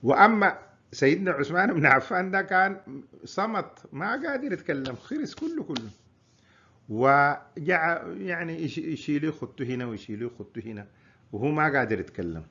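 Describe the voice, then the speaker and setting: A man's voice: fairly low pitch, sharp tone, muffled recording. A man with a Sudanese Arabic accent giving an informal history lecture, explaining and repeating his points in a conversational way.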